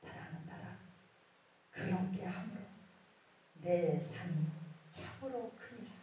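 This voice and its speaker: A woman quoting a hushed, tender divine voice. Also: fairly low pitch, a little slow, heavy reverb, recorded from a distance, slight background noise, natural voice. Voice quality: hushed and gentle. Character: tender voice of God speaking to a daughter.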